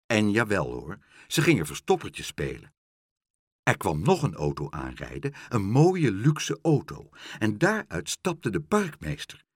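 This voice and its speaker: A man's voice: on the low side, a little slow, breathy edge, no echo, studio quality. A man reading a children's storybook aloud, narrating playfully. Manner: lively character voices, playful.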